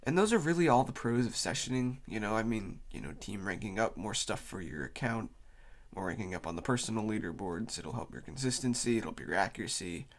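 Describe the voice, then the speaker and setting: A YouTube host with a cold, sounding tired, rambles loosely through a casual, unscripted explainer. His voice is lowish, and his delivery is animated and brisk.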